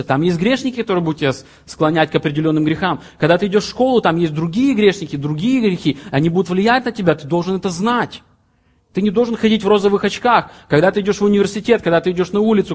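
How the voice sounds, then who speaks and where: Pastor, male, late thirties, earnest preaching, slightly higher-pitched voice. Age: 30s. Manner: earnest, reads scripture aloud then explains in plain examples. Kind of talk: sermon.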